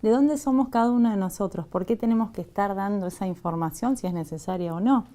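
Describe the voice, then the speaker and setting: A woman's voice: mid-range voice, fast, warm tone. A woman host moderating a panel, posing questions to guests by name. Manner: inquisitive, addresses guests by name.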